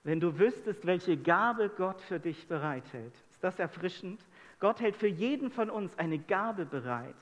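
Brief: high male preacher, sermon to a congregation, full of rhetorical questions, long church-hall reverb. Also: animated, unhurried, muffled recording.

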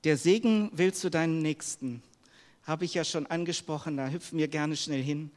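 Middle-aged preacher guy, higher voice, earnest and personal, sermon with long hall echo. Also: normal speed, a little mellow. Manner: earnest, personal, addresses the congregation with questions. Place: church hall.

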